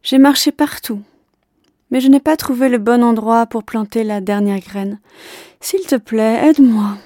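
A woman voicing a kind young girl who plants magic seeds, speaking brightly and eagerly. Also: fairly high pitch, a little slow, no room sound, clean studio sound, natural voice. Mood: pleading.

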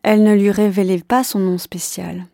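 A woman narrating a children's storybook in a steady, clear reading voice. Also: medium pitch, normal speed, no echo, clean studio sound.

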